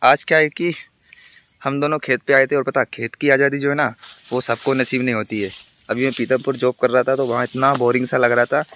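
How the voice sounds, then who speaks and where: This is a man in his twenties vlogging casually outdoors, chatting to the phone camera he holds at arm's length in an open farm field. His voice is medium-pitched and a bit bright, with little pitch movement and a fairly quick pace, and the recording is noisy.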